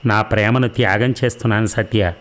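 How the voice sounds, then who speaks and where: Young man in a storybook, firm but regretful, as the narrator reads him, low voice. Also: steady tone, fairly quick, a bit bright, faint music behind, lightly acted. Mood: resolute. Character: young man torn, devoted to his mother.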